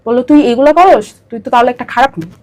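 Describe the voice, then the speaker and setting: Speaking as a guest in an interview, a young Bangladeshi-accented woman recounts something from her own life. Her pitch is fairly high with a darkish tone, and she talks quickly, circling back over points for emphasis as the story tumbles out.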